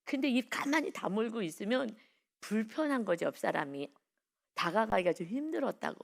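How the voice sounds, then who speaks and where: A woman's voice: fairly high pitch, animated, moderate pace, vocal fry. A woman pastor giving an early-morning devotional sermon in a conversational way, telling personal stories and putting questions to the congregation.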